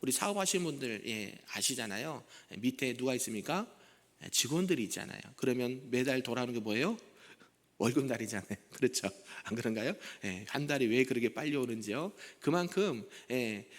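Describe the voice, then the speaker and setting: A man's voice: medium pitch, expressive, brisk. Man preaching in a reverberant church. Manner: conversational preaching, asks the congregation questions. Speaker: senior pastor. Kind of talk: early morning prayer sermon. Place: church sanctuary.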